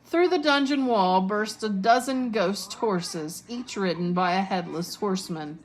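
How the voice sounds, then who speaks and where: A woman teacher reading a storybook chapter aloud in a steady, expressive way. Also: medium pitch, unhurried, slight background noise, poor audio.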